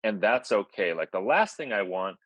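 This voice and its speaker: A man with a lowish voice co-hosts a casual podcast, upbeat and talking in long run-on thoughts. The sound is close and dry, with no room around it. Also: big pitch swings, moderate pace, fairly bright tone, dry recording, muffled recording. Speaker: podcast co-host.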